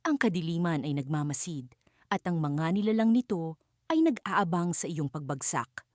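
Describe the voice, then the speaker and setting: A wise ancient forest fairy, voiced by a woman, speaks in a solemn, warning tone with a lively, rising and falling melody. The voice sits low and is recorded close and dry. It suits a spoken storybook. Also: normal speed, dry recording.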